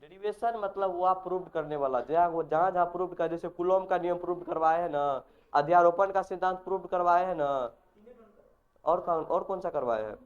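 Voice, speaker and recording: A man's voice: sits high, a little fast, clear, resonant tone. Man, classroom lecture, instructive questioning, resonant voice, muffled lo-fi recording. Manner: instructive, assigns homework and quizzes the class with repeated questions. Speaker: physics teacher.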